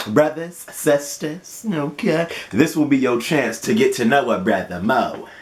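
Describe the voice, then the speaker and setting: A man's voice: medium pitch, a little slow. A man in his twenties hosting a casual question-and-answer vlog, playful and laughing often. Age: 20s. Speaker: gaming channel host.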